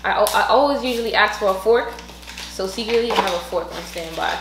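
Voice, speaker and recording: A woman's voice: medium pitch, a little fast. Playful woman co-host in an echoey room. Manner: playful, chatty, asks lots of questions. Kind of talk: casual chat. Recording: echoey room, faint hum.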